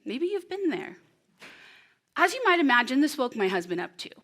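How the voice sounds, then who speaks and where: Woman storyteller, 30s, bright and slightly high voice, lively stage telling with pauses. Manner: expressive, animated delivery with dramatic pauses. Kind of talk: live storytelling performance. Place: presentation room before an audience.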